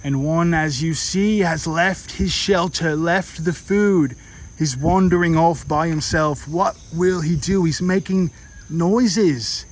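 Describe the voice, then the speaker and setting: A man voicing a hushed wildlife-documentary narrator with a put-on Australian accent, slow and dramatic, outdoors in a park. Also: a little high, pitched above the performer's own voice. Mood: hushed, awed. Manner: soft, slow, dramatic commentary on animals.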